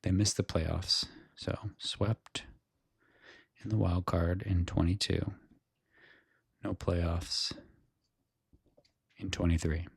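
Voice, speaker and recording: An American man speaks in a hushed ASMR style, his voice very low and full of vocal fry. He talks through sports commentary casually and musingly, with a soft, husky texture. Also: fairly even intonation, takes it slowly, pauses often, no room sound, clean studio sound. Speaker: host giving a baseball season preview.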